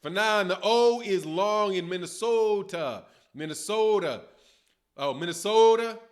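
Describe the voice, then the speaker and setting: Unhurried and high-voiced, a middle-aged man with a Chicago accent hosts a boxing channel's livestream, reading out viewer comments in loose, slangy chat. The setting is a dim room in his home, where he sits at a desk with a webcam.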